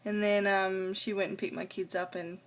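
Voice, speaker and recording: A woman's voice: medium pitch, flat delivery, normal speed. An adult woman talking casually to camera in a personal vlog, rambling a little hesitantly and trailing off. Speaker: vlogger. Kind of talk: casual personal video diary.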